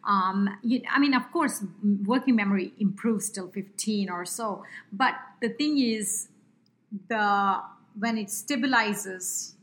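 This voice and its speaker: A woman speaking with an Indian accent, taking her time as she explains things as the guest expert in an interview. She fills pauses with many "um"s and "you know"s and restarts her sentences, in a mid-pitched, even voice.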